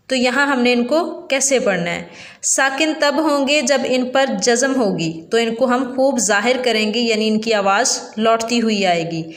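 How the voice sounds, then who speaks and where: Patient woman teacher, echoey room. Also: fairly high pitch. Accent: Pakistani Urdu. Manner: repeats each rule twice, slow and deliberate. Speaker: Quran recitation teacher. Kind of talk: patient step-by-step lesson.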